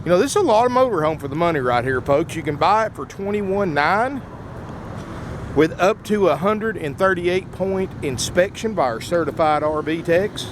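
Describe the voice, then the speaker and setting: A man with a fairly high voice delivers a casual, folksy sales pitch on video. His words come out a little slurred, as if half his mouth is still numb from the dentist. There is clear engine-like noise behind him. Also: expressive, moderate pace. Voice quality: slightly slurred speech from a numb mouth after dental work. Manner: folksy, often addresses viewers as "folks". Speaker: RV salesman presenting a used motorhome. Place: outdoors at an RV lot, then inside the motorhome. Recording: noisy outdoor handheld video, engine rumble. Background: running generator and air conditioners.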